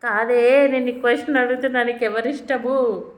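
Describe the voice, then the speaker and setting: A woman's voice: fairly high pitch, steady tone, moderate pace. A young woman, chatting casually with a small child and coaxing answers with playful questions. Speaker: family member filming a child.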